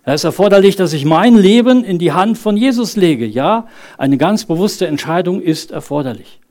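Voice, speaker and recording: Man, 30s, preacher, sermon, earnest, conversational, rhetorical questions, slightly high pitch. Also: lively intonation, moderate pace, darkish tone. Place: church service.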